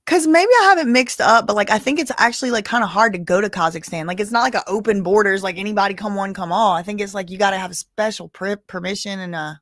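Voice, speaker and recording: Medium in pitch and a bit bright, this woman talks fast with few pauses, recorded in studio quality with no room sound. Hosting a casual livestream about a trial, she recaps the testimony, reads through the chat, and gasps and exclaims as she goes.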